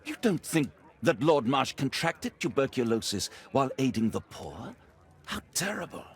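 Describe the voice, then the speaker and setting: An actor playing an earnest, courteous, concerned English doctor with a British accent in a game cutscene. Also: male voice, mid-range voice, sing-song, moderate pace, creaky, husky, full character voice. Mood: alarmed, earnest. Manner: polite, earnest. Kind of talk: dramatic game cutscene acting.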